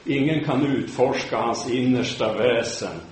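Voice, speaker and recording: A man giving a sermon lecture in a measured, solemn way, sometimes restarting words. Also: mid-range voice. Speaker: preacher giving a talk. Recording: very echoey room, faint background noise.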